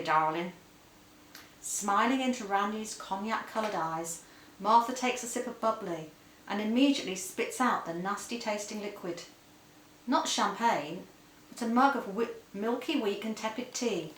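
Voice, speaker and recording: A woman's voice: mid-range voice, fairly bright tone, reverberant, slight background noise, low-quality recording. A woman reading her own novel aloud in a playful, intimate manner. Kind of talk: audiobook-style reading.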